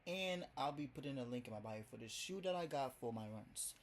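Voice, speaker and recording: Speaking quickly and with animation, a young man from Ghana makes his first casual vlog, wandering through his thoughts with lots of "like" and "um." He has a Ghanaian accent and a mid-range voice. There's a slight hiss or hum in the audio.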